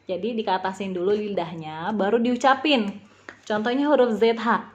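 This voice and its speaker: A woman teaching a beginner language lesson, patiently spelling out sounds and repeating them slowly. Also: mid-range voice, darkish tone, muffled recording.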